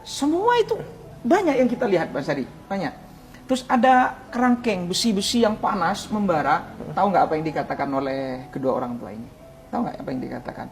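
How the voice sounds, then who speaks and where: A man, a religious teacher, recounting a near-death experience in an interview, his voice swinging between hushed and loud, pleading tones. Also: sits high, animated, a little fast, gravelly. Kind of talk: emotional personal storytelling in an interview.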